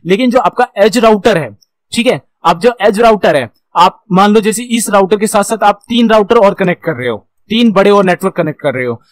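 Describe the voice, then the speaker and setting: With no room sound, a high-pitched Indian-accented man teaches computer networking a little fast, mixing Hindi and English terms. He explains like a teacher, raising his own questions and then answering them.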